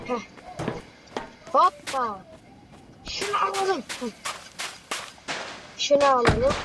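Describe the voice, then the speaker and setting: Brief: high-pitched woman, casual chatty gamer, noisy background. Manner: chatty, exclaiming, talks to viewers and teammate. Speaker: gamer playing with a friend. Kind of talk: casual gameplay commentary.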